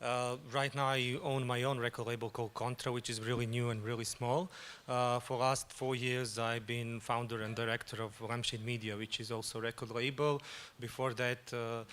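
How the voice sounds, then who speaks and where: A man's voice: medium pitch, level tone, normal speed, fairly bright tone, slight background noise. A man with a Serbian accent introducing himself on a conference panel, running through his credentials with uhs. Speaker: panelist, label founder.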